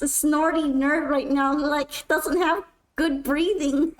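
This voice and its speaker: A woman's voice: sits high, rough recording. A woman streamer chatting casually with her viewers while playing, self-mocking and answering questions. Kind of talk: casual chat while gaming.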